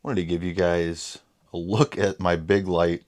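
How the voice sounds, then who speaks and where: A man giving an enthusiastic, casual show-and-tell vlog from beside his indoor grow tents, often addressing viewers as "ladies and gentlemen.". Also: low voice, level tone, a little slow. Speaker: home grower vlogger.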